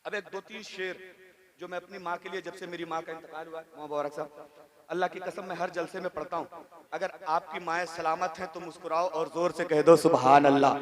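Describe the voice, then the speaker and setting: A male preacher giving a sermon at a religious gathering over a stage microphone. He calls the crowd to respond, shifts from quiet chatty asides to shouting, and chants verses in a sing-song drawl. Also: sits high. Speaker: Islamic preacher. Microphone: stage microphone on a public address system. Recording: live crowd audible throughout.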